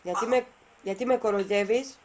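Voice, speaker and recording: A woman's voice: medium pitch, fairly even intonation, noisy background. A woman talking casually to her pet parrot, coaxing and affectionate, repeating short phrases over and over. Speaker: parrot owner.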